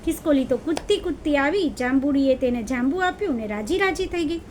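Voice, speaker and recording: A woman narrating a children's story in an expressive, lively way. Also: high voice, brisk, slight background noise.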